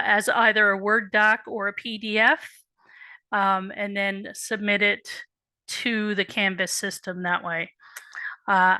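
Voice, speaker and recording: A woman's voice: medium pitch, sharp tone, dry recording. A woman college writing instructor, losing her voice, explaining an assignment step by step in a patient tone, with candid asides and key points repeated. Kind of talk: recorded assignment walkthrough.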